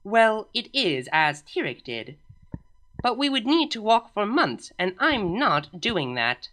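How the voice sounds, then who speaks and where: Luna, a woman doing a deadpan pony princess. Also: medium pitch, slow, soft background music, pitched above the performer's own voice. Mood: indignant. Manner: deadpan, matter-of-fact, lightly pompous. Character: blunt deadpan alicorn princess, adult mare, proud.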